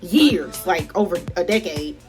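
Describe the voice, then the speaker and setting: A woman's voice: fairly low pitch, expressive, unhurried, a little mellow. Rambling woman vlogging over faint music. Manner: rambling, confiding, addresses viewers as y'all. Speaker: beauty vlogger. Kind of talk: casual chat while doing makeup.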